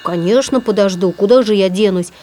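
A woman's voice: medium pitch, fairly quick, warm tone, slight background noise, natural voice. A woman voicing a grumbling, hungry little bear in a storybook reading. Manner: grumbling, plaintive. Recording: music playing behind.

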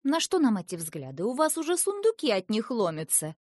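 A woman voicing a cold, sharp-tongued young river princess who scolds her father, as an audiobook character. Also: a little high, huge pitch swings, brisk, no room sound, clean studio sound. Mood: displeased. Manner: reproachful, coolly mocking.

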